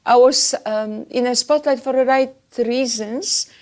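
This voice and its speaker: A woman from Poland with a Polish accent, a podcast guest chatting about her life and career with pauses and fillers. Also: on the high side, a little mellow. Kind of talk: podcast interview.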